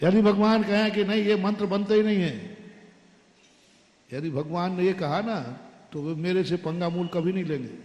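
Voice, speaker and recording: A man's voice: sits high, darkish tone. A man giving a sermon as a monk, telling stories animatedly and acting out the dialogue. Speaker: Jain monk preacher. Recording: echoey hall reverb.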